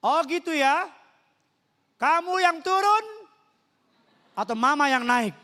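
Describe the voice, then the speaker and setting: A man voicing an impatient mother who yells at her sons to come down, in a shrill, scolding manner. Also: sing-song, fairly quick, full character voice. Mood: shouting. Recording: long reverb of a church hall.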